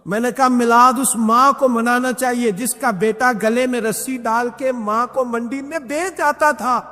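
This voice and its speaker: A man delivering an impassioned devotional sermon, reciting verses in a slow sing-song. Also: very high-pitched, steady tone, sharp tone. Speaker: preacher. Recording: reverberant hall with faint background music.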